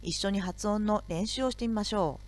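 A woman teacher giving a recorded video lesson, explaining grammar slowly and carefully. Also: medium pitch.

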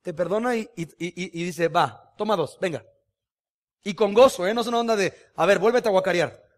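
A man with a Mexican Spanish accent delivering a sermon in a high, ringing voice. He preaches with passion but keeps it conversational, peppering his talk with rhetorical questions. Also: moderate pace. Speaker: pastor.

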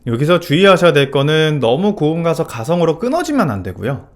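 Male vocal coach, fairly high, very animated intonation, methodical lesson delivery. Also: brisk. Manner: clear, methodical explaining with technical terms.

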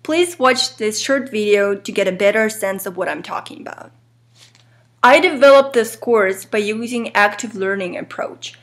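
Speaking directly to her students, an instructor in her thirties gives a measured, earnest introduction to her course. She is from Ukraine, her first language is Ukrainian, and her medium-pitched voice carries a strong Eastern European accent.

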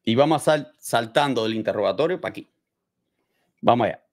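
A man's voice: medium pitch, expressive, a little fast. A man hosting a casual true-crime commentary, explaining with gestures and asking his viewers rhetorical questions. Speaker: host commenting on a criminal case.

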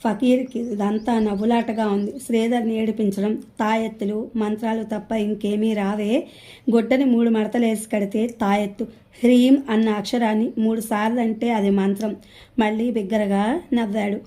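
Casual: woman reading a novel out loud, soft mellow voice, steady pace. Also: fairly high pitch, normal speed. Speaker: audiobook narrator. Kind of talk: novel read-aloud narration.

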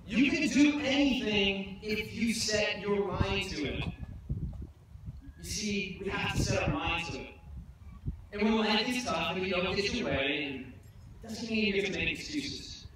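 Young man speaking at a graduation. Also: sits high. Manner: earnest, self-deprecating jokes. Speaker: commencement speaker. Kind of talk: graduation speech. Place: outdoor tent stage. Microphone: podium mic, filmed from far off. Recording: echoey PA sound from far off, noisy.

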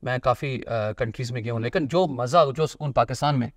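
A man's voice: medium pitch, brisk, dry recording. A man, hosting a casual cricket chat in a small studio and talking emphatically. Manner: talkative, emphatic, gesturing. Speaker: show host, cricketer and actor.

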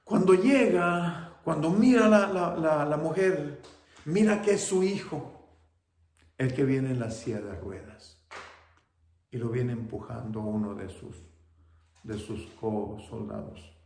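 A man's voice: fairly high pitch, measured pace, darkish tone, reverberant. A man with a Mexican accent preaching an emphatic sermon as a pastor, slipping into English phrases. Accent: Mexican Spanish. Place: church sanctuary.

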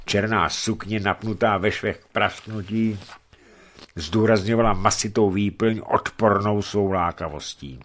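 A man narrating a novel in a radio reading, in an expressive, dramatic manner. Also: on the low side.

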